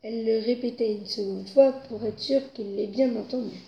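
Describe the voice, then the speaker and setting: A woman reads a children's story aloud in a mellow, fairly high voice. Her telling is expressive and builds with the story's tension. The room around her is echoey, with faint background noise. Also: moderate pace, creaky, highs cut off. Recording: roomy echo, faint noise.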